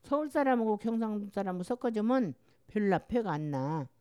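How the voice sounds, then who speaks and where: A woman's voice: mid-range voice, expressive, fairly quick, warm tone, clear, resonant tone, no echo, studio quality. An older woman from Jeolla with a strong Jeolla dialect, chatting in a rambling, storytelling way as an interviewee. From Jeolla, Korea. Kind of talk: casual chat.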